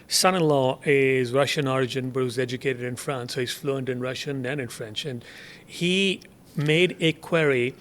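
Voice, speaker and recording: A man in his sixties, a guest on an interview show, telling anecdotes in a relaxed, amused way. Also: mid-range voice, normal speed, hardly any pauses, a little hiss or hum. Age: 60s. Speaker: interview guest, investor and writer. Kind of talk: casual interview chat.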